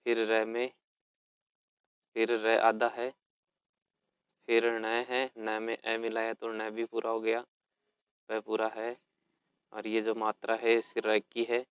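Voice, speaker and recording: A man's voice: on the low side, clear, resonant tone, no echo, dull audio. A man explaining a Sanskrit textbook lesson, patiently spelling out words letter by letter. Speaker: Sanskrit teacher.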